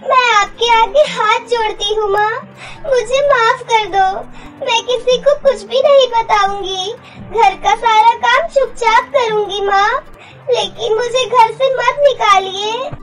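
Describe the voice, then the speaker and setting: A woman's voice: extremely high pitch, animated, unhurried, soft background music, pitched above the performer's own voice. A woman voicing a sweet, mistreated young girl in a cartoon story, pleading in a tearful voice.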